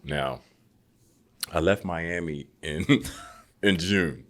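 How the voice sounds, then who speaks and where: Deep voiced american guy in his 50s, old hoops player telling road stories on a podcast, goes high and animated doing other people's lines. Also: drawn-out words. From United States. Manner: lively storyteller who acts out quoted people with big jumps in pitch. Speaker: guest, former pro basketball player. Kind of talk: casual storytelling chat.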